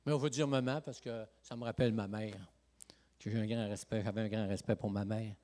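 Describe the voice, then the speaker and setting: A male pastor from Lac-Saint-Jean with a Quebec French accent, giving a lively, joking evangelical sermon full of "hey" and "amen" interjections. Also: lowish voice, fairly quick. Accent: Quebec French, Saguenay–Lac-Saint-Jean. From Quebec, Lac-Saint-Jean region. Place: church sanctuary.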